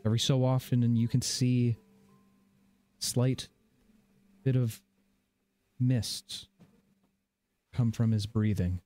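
A man narrating a tabletop fantasy game as game master, measured and descriptive with dramatic pauses. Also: medium pitch, steady tone, dark tone. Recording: background music under the voice.

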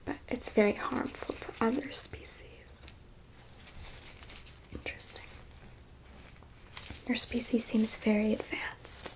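A curious, gentle alien scientist, played by a woman in a whispered role-play. She whispers slowly and close to the ear, reassuring and softly fascinated, in a high feminine voice. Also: steady tone, poor audio. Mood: gently curious. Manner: gentle, reassuring, slow and soft-spoken.

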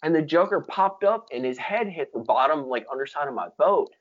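A man's voice: a little high, lively intonation, fairly quick. A man telling stories in casual chat, with slangy talk full of dude, like and freaking. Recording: dull lo-fi sound.

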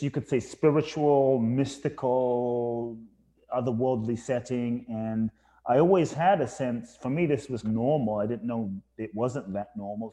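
A man's voice: mid-range voice, dark tone. A man from Ghana, a podcast guest, telling his life story earnestly, with some restarts. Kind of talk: casual storytelling interview.

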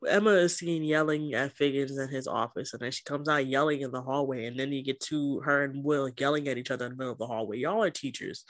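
A woman co-hosting a podcast in casual chat, animated and joking with frequent laughs. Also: deep voice, no room sound. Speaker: podcast co-host.

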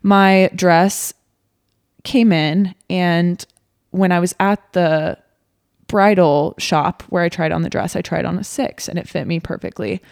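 A woman's voice: lowish voice, fairly even intonation, unhurried, gravelly, a little mellow, dry recording, clean studio sound. A young woman co-hosting a podcast, telling a story in a chatty, rambling way. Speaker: podcast co-host. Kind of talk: casual chat.

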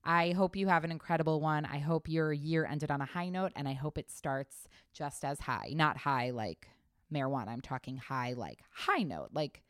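Woman host, casual podcast chat, effusive, lower-pitched, dry close mic. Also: moderate pace, no room sound. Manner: chatty, effusive, swears casually.

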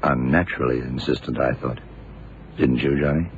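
A shrewd, laconic male detective from a 1960s-70s radio drama, puzzling out a murder in a deliberate, probing, questioning way. His voice is a steady, rumbling low bass at the very bottom of the register, and his mood is pondering. The sound is dulled and vintage, a muffled, noisy old radio recording.

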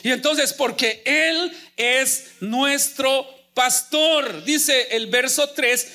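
Male pastor preaching slowly and haltingly, bright ringing voice. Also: very high-pitched, soft background music. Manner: halting, repeats words and calls out "hermanos". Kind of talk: sermon.

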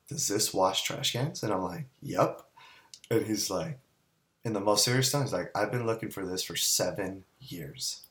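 Low voiced guy telling a messy funny story, lots of restarts. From Southern California. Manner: animated, rambling anecdotes with many restarts. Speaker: guest business owner. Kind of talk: casual storytelling.

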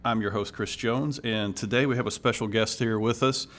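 A man's voice: mid-range voice, fairly even intonation, moderate pace, fairly bright tone. A man hosting a podcast interview, casual and friendly, filling gaps with lots of okays. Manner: friendly, many okays and fillers. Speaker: podcast host.

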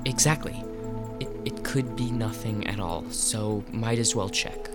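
A woman's voice: extremely low pitch, unhurried. A woman playing a flustered, secretive teenage boy with hesitant speech in an audio drama. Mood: guarded. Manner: hesitant, stammering. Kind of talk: family audio drama acting. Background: music.

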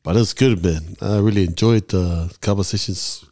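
A man's voice: low voice, normal speed, a little mellow, no room sound, studio quality. A man in his thirties in a casual chat over drinks, telling loose, jokey stories peppered with bro and man. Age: 30s.

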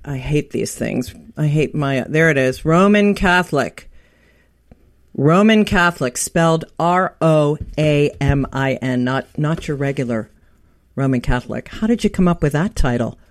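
A woman's voice: low voice, measured pace, no echo, clean studio sound. Earnest woman hosting an interview. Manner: earnest, heartfelt, with small restarts. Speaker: podcast host. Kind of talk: interview show.

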